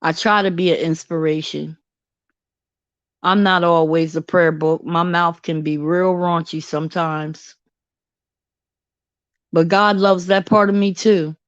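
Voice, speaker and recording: A woman vlogging in a candid, chatty and expressive way. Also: lowish voice, measured pace, pauses often, no room sound, muffled recording. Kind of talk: casual personal vlog.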